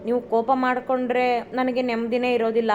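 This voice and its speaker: A woman's voice: on the high side, flat delivery, a little fast, slight background noise, close to an everyday voice. A woman voicing a young wife who pleads with her husband, close to tears. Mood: pleading. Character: young wife, anxious and tearful, loving. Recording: slightly dull recording, faint music.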